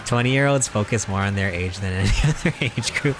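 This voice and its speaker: A man's voice: fairly low pitch, a little slow, over music. A man in his twenties chatting casually on a live stream while he games, rambling in a mock-serious, joking way and chuckling often. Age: 20s.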